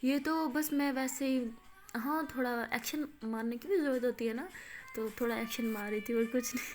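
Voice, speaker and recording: A woman's voice: fairly high pitch, moderate pace, natural voice. A woman voicing a clumsy, naive young woman who talks in an easygoing, apologetic way.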